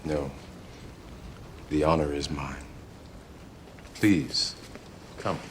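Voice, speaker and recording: An actor playing a calm, commanding male rebel mentor who speaks in a deep, measured, formal way. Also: full character voice. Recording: film soundtrack with clear ambient noise.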